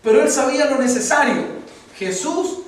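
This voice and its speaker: A man's voice: extremely high pitch, expressive, moderate pace. A male pastor preaching a sermon and asking the congregation rhetorical questions. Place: church hall. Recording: echoey church, distant mic, noisy.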